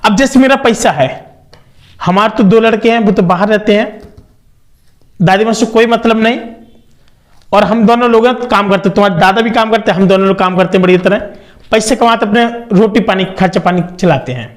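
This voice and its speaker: A young man retelling the words of a frugal, chatty old village grandmother, giving homely advice in a lower voice than his own. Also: a little fast, natural voice. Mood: preachy. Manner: homely, advice-giving, plain rustic talk.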